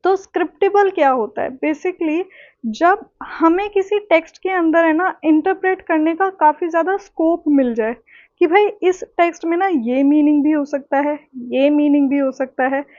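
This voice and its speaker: A woman with a high voice teaches an exam-prep lesson at an unhurried pace, mixing Hindi and English. She explains each term step by step and keeps checking that her listeners follow. The sound is dry and a little dull. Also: a little mellow, dry recording. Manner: slow, deliberate delivery with checking asides.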